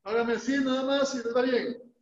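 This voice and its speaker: A man teaching a martial arts class online, counting out drills and calling brisk commands. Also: very high-pitched, steady tone. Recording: echoey room, distant mic, dull sound.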